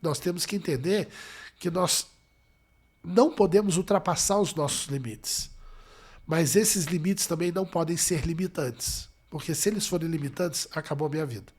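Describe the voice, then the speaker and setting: Male psychologist guest from Brazil with a high voice, a lively storyteller who acts out dialogue. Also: moderate pace, slightly rough. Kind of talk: interview answers with anecdote.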